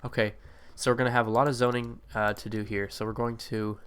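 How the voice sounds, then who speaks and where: Flat and fairly quick, the mid-range voice of this gameplay video creator comes across clear and resonant despite a slight allergy stuffiness. He chats casually over a city-building game, rambling along with plenty of fillers and self-corrections.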